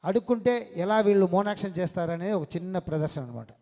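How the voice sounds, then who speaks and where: A man hosting a community event, calling people up and hurrying them along. He talks fast in a fairly high voice. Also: dark tone. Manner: brisk, directive, hurrying participants. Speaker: event organizer and host.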